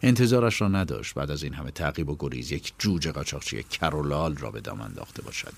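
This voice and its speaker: A man narrating a story in a calm, measured audiobook reading. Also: a bass voice, vocal fry, breathy edge, no room sound. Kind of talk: scripted narration.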